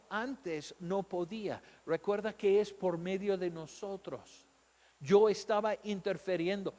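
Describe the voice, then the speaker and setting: A man's voice: sits high, a little mellow, long reverb tail. A man preaching a sermon as a pastor, telling his own story, asking rhetorical questions and acting out the voices of doubters.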